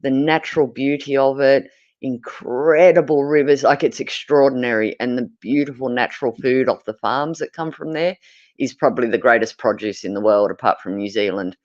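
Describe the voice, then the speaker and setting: A woman's voice: rumbling low, moderate pace, a little mellow. Effusive Australian woman in her fifties, chatty co-host, muffled lo-fi recording. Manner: effusive, chatty, swears casually. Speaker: livestream co-host. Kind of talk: casual chat.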